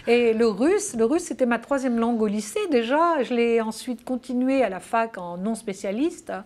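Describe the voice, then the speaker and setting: Female interview guest, slightly high, halting delivery full of fillers. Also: lively intonation, a little mellow. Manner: hesitant, many fillers and restarts. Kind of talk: casual interview answers.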